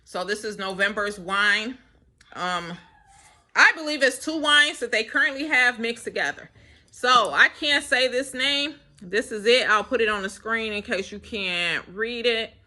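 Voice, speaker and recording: A young woman talks casually to her camera in a loose, rambling way. Her voice is bright and forward, and she breaks into quick laughs between thoughts. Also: fairly high pitch. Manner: chatty, laughs often, rambling. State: slightly winded. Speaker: vlogger. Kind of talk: casual chat.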